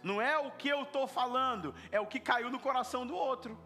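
A male pastor preaching an animated sermon, repeating words for emphasis and acting out little dialogues. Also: very high voice, brisk, soft background music. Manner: animated, repetitive, acts out dialogues.

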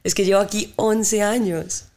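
Lively woman singer from Cali. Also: medium pitch, normal speed. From Cali, Colombia. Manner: lively storyteller imitating notes with sung syllables. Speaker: guest singer-songwriter. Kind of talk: casual interview chat.

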